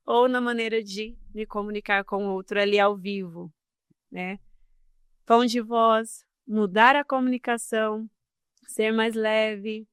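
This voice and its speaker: A woman speaking as a podcast guest on communication, talking in a casual, expressive and emphatic way. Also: on the high side, clean tone, no room sound, clean studio sound.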